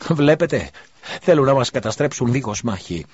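A man's voice: sits low, husky, dry recording, lo-fi sound. A man voicing an agitated, scheming male priest in an audiobook, speaking in a raised, urgent way. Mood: fiery.

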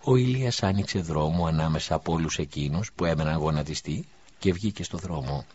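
A man narrating an audiobook in a calm, measured reading voice. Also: low voice, breathy edge. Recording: dull lo-fi recording.

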